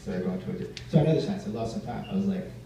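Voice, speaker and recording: A man's voice: on the high side, big pitch swings, very fast, warm tone. A man doing a stand-up routine, telling stories and acting out the people in them. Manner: storytelling with acted quotes of other people. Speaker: stand-up comic. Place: live cafe venue. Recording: very echoey room, distant mic, noisy ambience.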